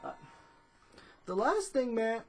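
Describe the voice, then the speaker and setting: Speaking slowly with big pitch swings in a fairly high voice, a woman vlogger rambles her way through a comedic, casual clip. She adopts a drawling, laid-back stoner-dude manner, adding "man" to her phrases and plugging pauses with "you know" and "uh."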